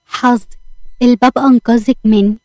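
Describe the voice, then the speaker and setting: A woman's voice: fairly high pitch, steady tone, moderate pace, warm tone, no echo, soft background music, lightly acted. A woman with an Egyptian accent voicing a playful, teasing young husband in a read-aloud romance story.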